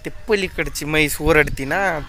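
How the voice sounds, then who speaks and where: A man's voice: a little high, measured pace, sharp tone. A man chatting casually to viewers as he films around his farm, pointing things out as he goes. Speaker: village vlogger. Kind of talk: casual vlog narration. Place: outdoors on a farm.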